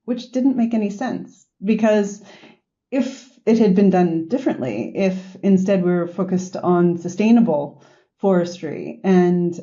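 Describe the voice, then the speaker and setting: Boston-accented woman, 40s, podcast guest; mellow tone, reflective storyteller, lo-fi remote audio. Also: medium pitch. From north of Boston, US. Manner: reflective, storytelling with frequent fillers. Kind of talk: conversational interview answers.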